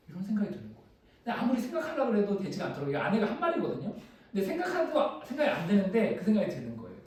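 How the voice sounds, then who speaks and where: Male pastor, sermon, storytelling delivery, lively pitch, echoey room, mic at a distance. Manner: personal storytelling, shifting from animated to hushed. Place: small church room.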